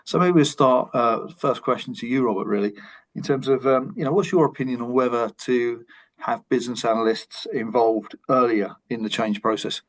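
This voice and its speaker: A man's voice: mid-range voice, moderate pace. A man hosting a panel discussion over a video call, casually affirming guests and handing out questions. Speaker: host and moderator.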